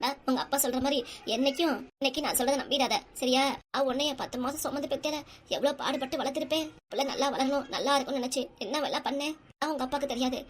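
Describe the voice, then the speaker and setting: A woman's voice: sits high, fast, a little hiss or hum, lightly acted. A woman voicing a tearful, put-upon wife and mother in a cartoon comedy, pleading and complaining. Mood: aggrieved. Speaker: voice actor.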